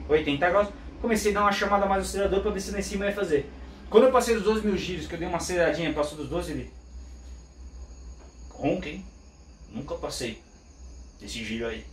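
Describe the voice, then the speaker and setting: A motorcycle vlogger with a high voice tells a story casually, acting out both sides of the conversations. He talks fast but leaves long pauses. The mic is some distance away in a roomy space, with a faint hum in the background.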